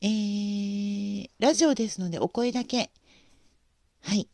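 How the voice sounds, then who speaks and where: A woman hosting a casual livestream, speaking gently and politely with frequent pauses and fillers. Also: medium pitch, gravelly, dry recording, clean studio sound. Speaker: livestream host.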